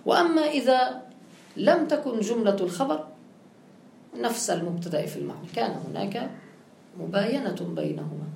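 A woman teaches a classical grammar lesson with a touch, explaining step by step and asking her own questions. Her fairly high voice has a darkish tone. The room is echoey, with faint ambience and slight background noise.

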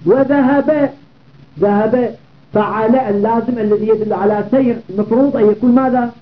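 A man's voice: very high-pitched, steady tone, normal speed. A man giving a classroom grammar lesson, repeating word patterns and asking his listeners rhetorical questions. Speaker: Arabic grammar teacher. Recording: tinny phone-like audio.

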